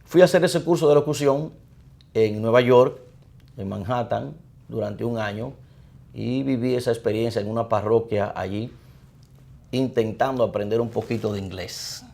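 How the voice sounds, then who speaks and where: Gravelly-voiced Dominican priest. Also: male voice, mid-range voice, darkish tone. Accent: Dominican Spanish. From Dominican Republic. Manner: measured, reflective recounting. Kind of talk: interview.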